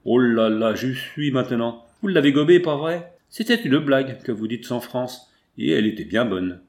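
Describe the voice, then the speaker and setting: Man reading as callous German barkeep in a storybook, boisterous and mocking, gravelly edge. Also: mid-range voice, expressive, normal speed, darkish tone, lightly acted. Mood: mocking, brash. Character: coarse German saloon keeper, middle-aged man, boisterous, callous.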